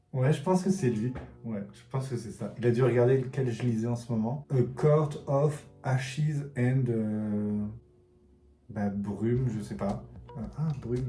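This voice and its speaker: A man with a very dark, mellow voice hosts a relaxed book vlog, puzzling things out aloud and letting his words fade away quietly. His voice rings in a roomy space, with faint music underneath. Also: medium pitch. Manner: thinks aloud, trailing off softly. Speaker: book vlogger. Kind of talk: casual book quiz vlog.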